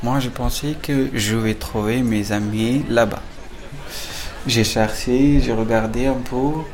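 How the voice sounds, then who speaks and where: A man, giving a halting, word-searching documentary testimony. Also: medium pitch, fairly even intonation, a little mellow. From Afghanistan. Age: 30s. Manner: halting, searching for words in French. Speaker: interviewee recounting his migration.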